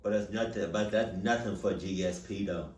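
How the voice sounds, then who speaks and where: A man's voice: low voice, moderate pace. An American man giving casual reaction commentary in street slang, repeating phrases in an exasperated rant. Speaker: reaction video host. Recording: roomy echo, distant microphone.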